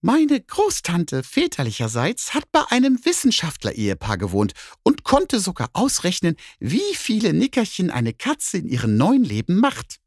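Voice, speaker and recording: A man voicing a cheeky, boastful female neighbor cat in a children's story, with a high, snippy manner. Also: huge pitch swings, moderate pace, hardly any pauses, darkish tone, no room sound, clean studio sound, heavily acted.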